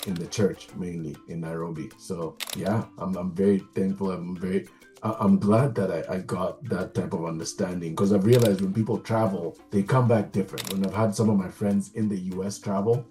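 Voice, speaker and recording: A man from Kenya with a Kenyan accent, answering interview questions thoughtfully, often pausing with ums and restarting his sentences. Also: low voice, fairly even intonation, mellow, soft background music. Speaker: guest. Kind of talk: conversational interview.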